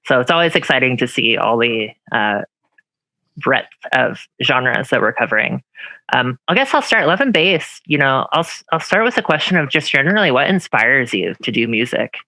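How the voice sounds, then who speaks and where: A man's voice: mid-range voice, sing-song, normal speed, pushed and bright, dry recording, low-quality recording. A man co-hosting a live stream chat, upbeat and enthusiastic as he asks questions. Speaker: co-host.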